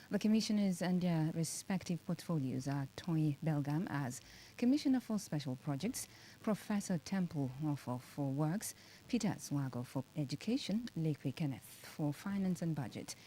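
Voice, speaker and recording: A woman with a Nigerian accent reading a scripted radio news bulletin in a formal, deliberate manner. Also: deep voice, warm tone, slight background noise, rough recording. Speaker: radio newsreader.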